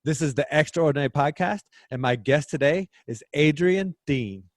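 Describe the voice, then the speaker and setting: A man hosting a podcast, reading a scripted intro and then chatting with his guest, measured at first and then hesitant with fillers. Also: on the high side, expressive, dry recording. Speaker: podcast host. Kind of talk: scripted intro narration and casual interview.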